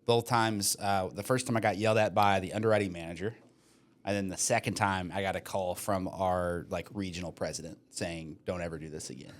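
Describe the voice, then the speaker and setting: A young man who works as a mortgage lender co-hosts a casual podcast, reading listener questions aloud. He cracks jokes between explanations full of hedges and fillers. His voice is low-pitched and steady, with a brisk pace.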